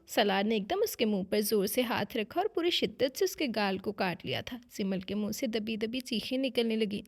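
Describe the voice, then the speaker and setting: A woman reading a romance novel aloud in expressive scripted narration. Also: fairly high pitch, gravelly. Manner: expressive storytelling.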